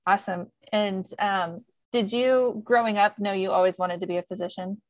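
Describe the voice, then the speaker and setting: Female podcast co-host, mid pitch, dry close sound, friendly questioner. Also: steady tone, normal speed, no room sound. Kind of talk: podcast interview.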